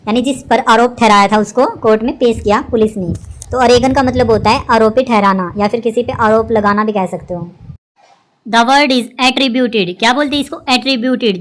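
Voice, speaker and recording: Woman tutor, bit high voice, reads examples slow and keeps asking "right?". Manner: repeats "ठीक है?" and asks rhetorical questions; reads English example sentences slowly and deliberately. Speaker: vocabulary teacher. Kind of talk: explaining vocabulary with memory tricks.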